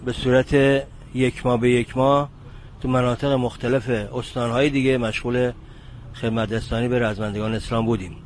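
A man's voice: medium pitch, steady tone, slight background noise. An older man, a former wartime nurse, giving plain explanatory answers in an interview.

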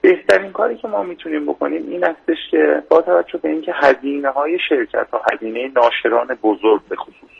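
Gravelly raspy guy, expert on a radio interview, formal and measured, lots of uhs, dull lo-fi sound. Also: fairly high pitch. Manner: formal, measured, with frequent hesitation fillers. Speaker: financial expert guest.

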